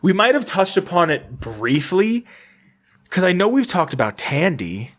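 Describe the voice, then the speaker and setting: A man's voice: high-pitched, very animated, a little slow, a bit bright. Young American man, podcast co-host, casual and rambling, reads lore with joking asides. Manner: chatty, rambling, self-deprecating, reads aloud with asides. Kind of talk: casual podcast chat reading game lore.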